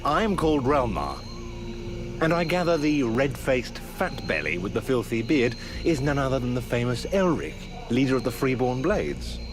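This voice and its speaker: An actor playing a haughty, sarcastic elf archer in a video game, articulate and mocking. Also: male voice, medium pitch, sing-song, normal speed, lightly acted. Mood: wry, confident. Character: sardonic, haughty elf archer with taunting wit. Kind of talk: video game character acting. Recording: music behind the voice.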